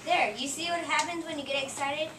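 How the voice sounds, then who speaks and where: A woman's voice: high-pitched, fairly even intonation, a little fast, lightly acted. A woman playing a fussing, bossy Mrs. Claus who scolds her husband in an amateur play reading. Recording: echoey room, distant mic, noise.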